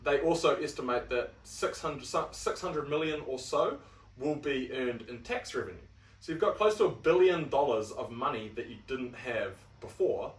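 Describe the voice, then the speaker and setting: A young New Zealand man co-hosts a casual chat, reading out claims and answering them with dry, easygoing humour. His voice sits at an ordinary middle pitch. He is picked up from a little way off the mic, in a room with a noticeable echo. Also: expressive, normal speed. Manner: reads points aloud and rebuts them in a chatty, wry way. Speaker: podcast co-host. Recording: roomy room, mic at a distance.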